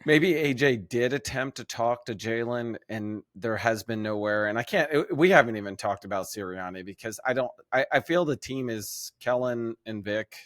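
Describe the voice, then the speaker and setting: A man hosting a casual sports podcast, laughing easily and talking in quick, lively bursts. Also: medium pitch, dry recording, clean studio sound. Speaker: podcast host.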